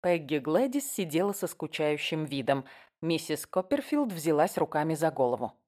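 A woman narrating an audiobook in a calm, even storytelling manner. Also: low voice, moderate pace. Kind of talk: audiobook reading.

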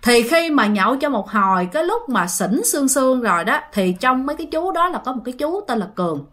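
A woman tells a ghost story in a chatty, casual way. She speaks straight to her listeners, and her fairly high voice rises and falls a lot. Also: very animated, brisk, a bit bright. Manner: chatty, addresses listeners directly.

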